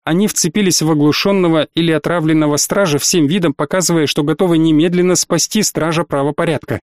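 A man narrating a first-person fantasy audiobook in a measured, even storytelling manner. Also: fairly high pitch, no room sound, clean studio sound.

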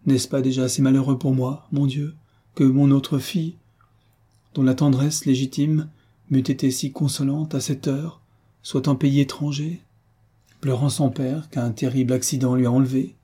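A man voicing a gravely ill, grieving noble mother in an audiobook, weak and pleading. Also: medium pitch, warm tone. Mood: anguished.

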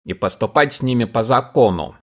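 A man voicing a calm, self-satisfied sheriff who talks bluntly. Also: medium pitch, brisk, lightly acted. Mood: smug. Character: smug, calm small-town sheriff, blunt and stern.

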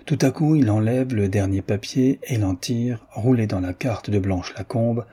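A bantering aristocratic husband in a period story, voiced by a man reading aloud. He teases and spins gossip with relish. The voice is low and husky. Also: a little slow, warm tone. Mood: animated. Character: jovial aristocratic Parisian count, teasing husband.

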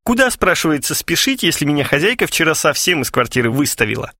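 A man's voice: on the high side, big pitch swings, pushed and bright, dry recording, clean studio sound, voice pushed up, exaggerated voice. A man voicing a pert, down-on-her-luck young woman. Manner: brisk and plainspoken. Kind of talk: audiobook character reading.

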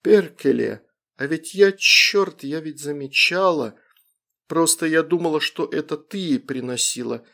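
A man voicing a fierce, protective demon mother in a fantasy audiobook, sharp-tongued when guarding her daughters. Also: a little high, quick pace, gravelly, few pauses, full character voice.

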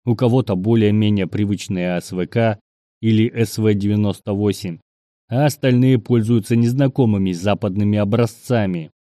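A man narrating an audiobook in a steady, measured way, raising his voice for the characters' shouts. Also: fairly low pitch, dry recording, studio quality. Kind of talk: scripted narration.

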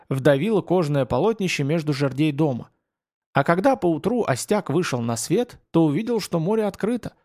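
A man reads a novel aloud as a narrator, with a fairly high voice and a gravelly, fry-laced grain. His delivery stays steady and descriptive. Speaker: audiobook narrator. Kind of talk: storybook narration.

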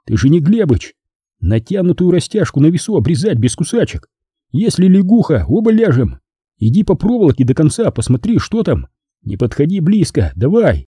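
A man's voice: on the high side, very animated, moderate pace, dark tone, slightly rough, no room sound, studio quality, pitched above the performer's own voice. A man doing a hissing frightened soldier. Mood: alarmed. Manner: tense, hissed urgency. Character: frightened wounded male soldier, hissing urgently.

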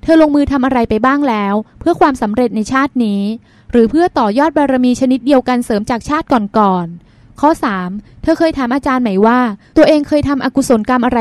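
A woman voicing a calm older sister, a doctor, who questions and lectures in a dry, probing way. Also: high voice, fairly quick, no echo, close to an everyday voice. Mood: wry.

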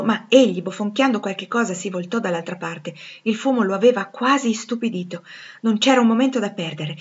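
A woman reads a classic novel aloud with dramatic flair, dropping nearly to a whisper at tense moments. Her voice sits at a middling pitch. The recording sounds a bit dull and lo-fi. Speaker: audiobook reader. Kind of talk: expressive literary reading.

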